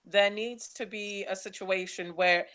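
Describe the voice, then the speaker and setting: A young woman from Nigeria, speaking, gives a chatty, animated webinar talk about her travels while slides are changed. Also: mid-range voice, a little slow. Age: young adult. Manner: chatty, animated, laughs easily.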